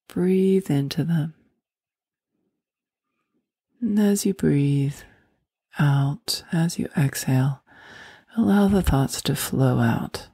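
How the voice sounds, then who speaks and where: A woman leading a guided meditation in a soft, soothing voice that often drops into a whisper. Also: sits low, creaky, slightly rough, no room sound, studio quality.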